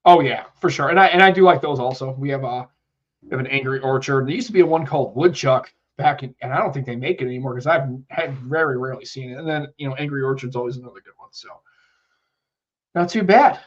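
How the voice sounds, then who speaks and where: A mid-range, fast-talking voice belongs to an American co-host of a live tech podcast who has a slight cold. His casual stream chat rambles and includes chat messages read aloud, and the audio is dull.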